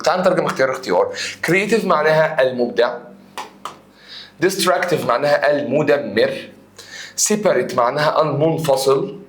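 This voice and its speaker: Male Egyptian teacher, slightly raised pitch, emphatic exam-review delivery full of rhetorical questions. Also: fairly bright tone. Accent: Egyptian Arabic. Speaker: English teacher.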